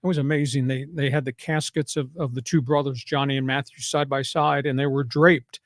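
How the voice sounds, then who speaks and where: A man's voice: medium pitch, fairly even intonation, fairly quick, no room sound, clean studio sound. An older man hosting a sports podcast, talking in a punchy, emphatic way and going off on preachy rants. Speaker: sports talk host. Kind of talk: casual sports talk.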